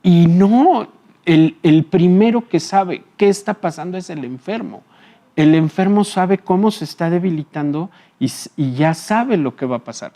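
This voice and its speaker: A man, a psychologist guest explaining things calmly in an interview, often pausing on fillers and checking in with short tag questions. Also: high-pitched. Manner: frequent filler hesitations.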